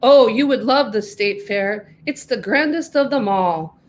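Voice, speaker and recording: A woman voicing a big, proud male show pig in a storybook reading, talking pompously and slowly. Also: a little high, natural voice. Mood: boastful. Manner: pompous, slow and drawn-out.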